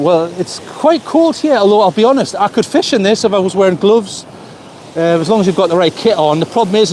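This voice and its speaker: A North East English man with a high, darkish voice livestreams as he strolls along a seaside pier, chatting to viewers in a rambling way and repeating words while he thinks. It's picked up by a small phone mic as he walks, with a little hiss or hum.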